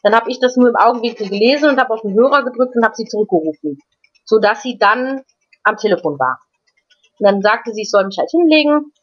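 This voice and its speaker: A woman guest recounts a personal experience in casual, unscripted talk. Her voice sits a little high, and she often stops and repeats words before going on. The recording sounds slightly muffled and lo-fi. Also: lively intonation. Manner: halting, frequent restarts and repeated words. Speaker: interview guest. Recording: dull lo-fi recording.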